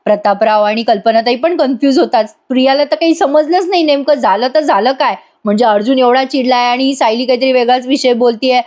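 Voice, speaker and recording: A woman recapping a soap episode in a fast voice-over, often addressing the audience directly. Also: sits high, a little mellow. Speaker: serial episode reviewer.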